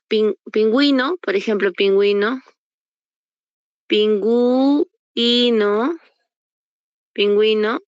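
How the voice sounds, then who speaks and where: A woman's voice: medium pitch, smooth, no room sound. Woman teacher on a dull video call. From Peru. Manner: patient, repeats and sounds out example words, quizzes students. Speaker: university entrance prep teacher. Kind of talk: online class explanation. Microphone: computer mic on a video call.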